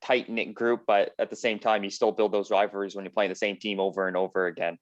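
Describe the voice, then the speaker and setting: A man's voice: on the low side, flat delivery, fast, no echo. A man working as an interviewer, asking questions in a casual, conversational style. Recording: dull lo-fi connection, dry.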